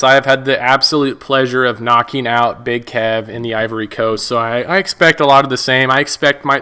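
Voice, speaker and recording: A young man co-hosting a playful mock sports draw show, hamming up each reveal like an excitable announcer. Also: mid-range voice, clean tone. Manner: excitable announcer, hams up the draws.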